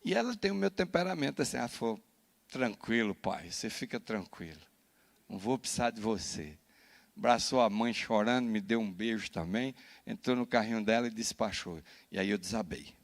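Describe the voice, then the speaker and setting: A Brazilian man, a pastor, telling a personal story in a sermon, animated and often adding "né?" to his lines. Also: lowish voice, normal speed, vocal fry. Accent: Brazilian Portuguese. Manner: animated storytelling with frequent "né?" tags. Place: church.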